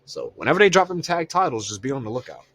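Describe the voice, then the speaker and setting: A man's voice: medium pitch, huge pitch swings, quick pace, a bit bright, breathy edge. A man co-hosting a podcast, recapping wrestling in loose, profane casual chat full of fillers. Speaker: podcast co-host.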